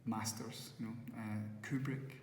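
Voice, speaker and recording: With a lowish, slightly mellow voice, a level tone and a measured pace, a Scottish musician turned first-time filmmaker rambles through interview answers in a Glaswegian accent, restarting often and acting out quotes. He's at a festival venue, where the echoey hall carries faint ambience and a little hiss or hum.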